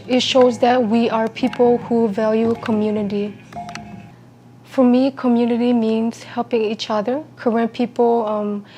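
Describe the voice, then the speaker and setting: A young woman from Burma narrating a documentary about her life in an earnest, measured, personal way. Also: on the high side, warm tone. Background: music.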